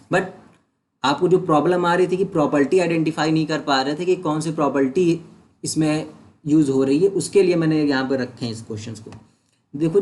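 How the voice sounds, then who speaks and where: A man's voice: on the high side, darkish tone. A man teaching a maths lesson online, working through sums step by step, asking questions and answering them himself, mixing English words into his talk. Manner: mixes English words into Hindi. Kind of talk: online doubt-solving lesson.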